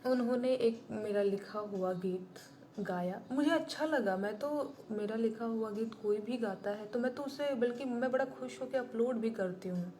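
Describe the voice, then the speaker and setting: A woman's voice: fairly high pitch, moderate pace, dark tone, a little hiss or hum. A woman who is a singer and songwriter, chatting live with her viewers and answering their comments in an emphatic, indignant way, repeating her points for stress.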